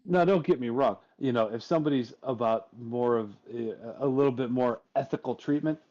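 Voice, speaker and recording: A man's voice: medium pitch, fairly quick, warm tone, highs cut off. Laid-back, wry podcast co-host man. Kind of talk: casual podcast chat.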